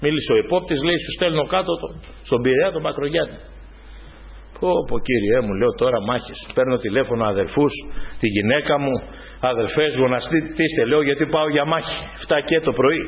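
A man with a high voice delivers a fervent sermon. He keeps turning to his congregation with direct appeals and stories from his own life. The recording sounds dull and lo-fi. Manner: fervent, repeatedly addressing the congregation as brothers. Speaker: preacher. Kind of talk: sermon with personal testimony.

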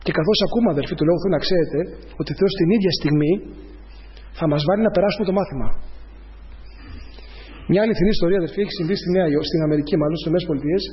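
A man's voice: on the high side, long pauses. A man preaching a conversational sermon to his congregation, calling them brothers. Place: church hall. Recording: dull, lo-fi church recording with long reverb.

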